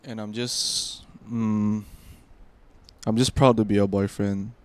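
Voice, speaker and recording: A young man hosting a casual podcast chat, relaxed and full of fillers. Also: on the low side, slow pace, smooth. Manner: relaxed, filler-heavy, trailing off. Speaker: podcast host.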